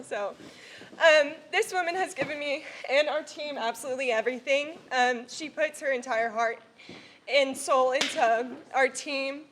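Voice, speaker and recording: Tearful young woman over a noisy feed. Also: sits high. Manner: tearful, laughing nervously, with many "um"s. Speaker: college cheer team member. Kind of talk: emotional tribute speech. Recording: noisy livestream audio.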